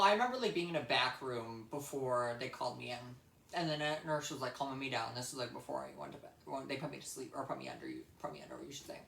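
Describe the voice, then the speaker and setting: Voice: medium pitch, vocal fry, a bit bright. A young adult vlogger telling a personal story in a casual, rambling way, blunt and emphatic, with free swearing. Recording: echoey room.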